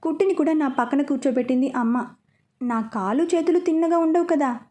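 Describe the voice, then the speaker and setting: A woman narrating a first-person romance story in an expressive, chatty way, asking listeners asides. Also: high voice, brisk.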